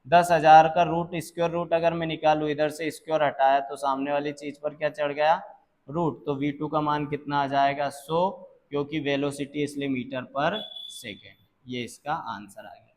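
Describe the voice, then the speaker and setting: A man tutoring physics, slowly working through exam problems and checking that students follow. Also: on the high side, fairly even intonation, darkish tone. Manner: calls students "beta", checks understanding; slow, deliberate explaining.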